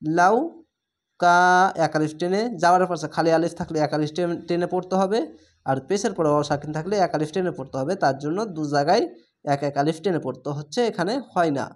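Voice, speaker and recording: A man's voice: fairly high pitch, fast. A man teaching a reading lesson, patiently spelling out syllables one by one and stretching the vowels, and repeating each instruction.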